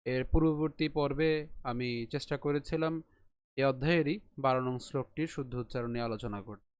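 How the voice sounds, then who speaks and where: A man teaching a pronunciation lesson, chanting Sanskrit verses and breaking them into syllables slowly. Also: medium pitch. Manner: slow, syllable-by-syllable demonstration, checking in often. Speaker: Gita recitation teacher.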